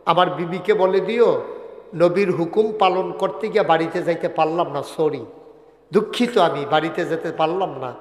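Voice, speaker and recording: A man with a preaches a waz sermon at a large gathering, his fairly high voice rising to shouts and dropping to hushed storytelling as he chants Arabic verses. The sound rings with long reverb through a roomy hall. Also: moderate pace.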